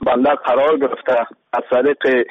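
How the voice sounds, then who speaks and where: A man with an Afghan Dari accent makes a halting public appeal heard over a radio, often repeating phrases. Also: mid-range voice, flat delivery, husky, dry recording. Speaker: caller reading a missing-person announcement. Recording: tinny narrow phone line on radio.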